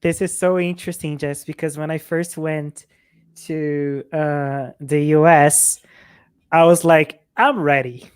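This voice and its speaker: Lowish woman, dry close sound. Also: flat delivery, slow pace, darkish tone, clear, resonant tone, dry recording. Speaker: panelist. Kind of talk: casual panel chat.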